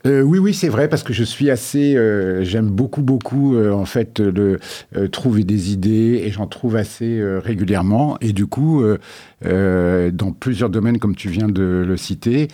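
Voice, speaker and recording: A man's voice: lowish voice, unhurried, warm tone. A man being interviewed as a guest artist, talking casually and hesitantly with many filler sounds.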